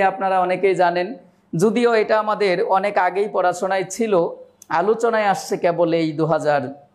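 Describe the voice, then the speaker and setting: A young man teaching an online exam-prep grammar class, chatty and joking, slowing down to recite old verses. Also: high-pitched.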